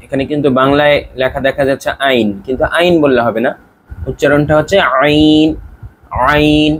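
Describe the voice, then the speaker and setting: A man teaching the Arabic alphabet from slides, saying each letter slowly and repeating the hard ones. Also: mid-range voice, fairly even intonation, rough recording. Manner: slow, deliberate letter drills with repetition. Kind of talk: slide-based lesson.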